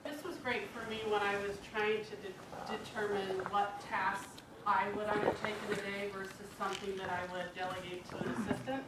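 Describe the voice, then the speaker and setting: A woman's voice: medium pitch, little pitch movement, normal speed. A woman on a coaching team sharing a personal example in a group session, in a casual, chatty way. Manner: casual, chatty, laughs while telling. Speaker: workshop team member. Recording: distant, roomy, noisy room audio.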